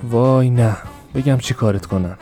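A man voicing a bitter, shrill mother in a dark storybook family, scolding sharply and with exasperation. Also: faint music behind, natural voice. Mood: exasperated.

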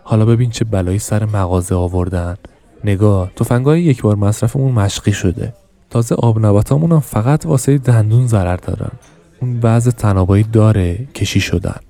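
A man voices a sour middle-aged shopkeeper from an audiobook, griping with scorn. His voice sits low and mellow. He grumbles in a plain reading tone. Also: close to an everyday voice. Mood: grumbling.

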